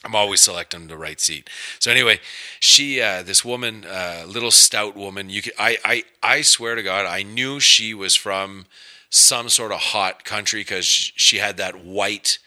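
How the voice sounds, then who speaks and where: A man's voice: on the low side, normal speed. A man, a comedian guest, telling a story in casual chat, rambling with many restarts. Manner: rambling, restarts, animated retelling.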